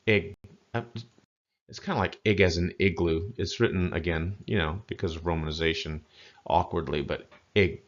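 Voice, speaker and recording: A man giving a casual spoken language lesson, chatty and folksy, slowly repeating words to model pronunciation. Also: low-pitched, muffled recording. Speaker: language teacher.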